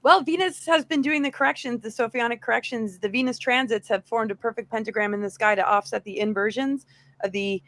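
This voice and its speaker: A woman speaking as a panelist, explaining her ideas in a discussion with some hesitant pauses. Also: on the high side, fairly even intonation, fairly bright tone. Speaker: roundtable panelist.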